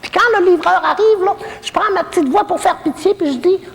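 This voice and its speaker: Brief: a woman doing a saucy old Québécois granny in a nursing home, very high, gravelly voice, long hall echo. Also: a little fast. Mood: cheeky. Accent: Québécois French. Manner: saucy, gossipy, self-mocking jokes. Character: cheeky, bawdy old woman living in a retirement home. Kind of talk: stand-up comedy character monologue.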